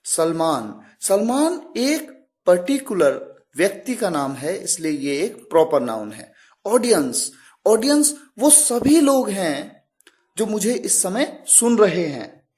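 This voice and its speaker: A man's voice: high voice, big pitch swings, slow pace, darkish tone. A man teaching English grammar to learners, patiently explaining each word step by step with examples and questions to the listener.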